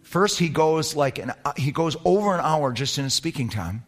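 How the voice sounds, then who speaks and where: A man preaching as a pastor, telling a personal story in an animated way that swings between loud emphasis and hushed low tones. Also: normal speed. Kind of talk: storytelling sermon.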